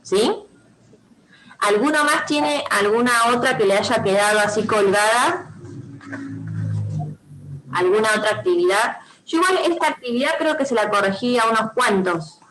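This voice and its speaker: Patient Rioplatense teacher on a video call. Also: female voice, on the high side, lively intonation, normal speed, long pauses, fairly bright tone, slight background noise, low-quality recording. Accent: Rioplatense Spanish. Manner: patient, repeats instructions, checks with frequent "¿sí?". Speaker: primary school teacher. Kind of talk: online class instruction.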